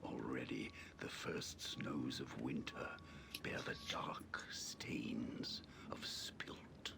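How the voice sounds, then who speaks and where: Ancient raspy seer for a fantasy game, slow gravelly whisper, full of doom. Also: male voice, a bass voice, fairly even intonation, exaggerated voice. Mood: ominous, solemn. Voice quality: rasping, breathy half-whisper, gravelly. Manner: slow, solemn, portentous. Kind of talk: fantasy game role-play.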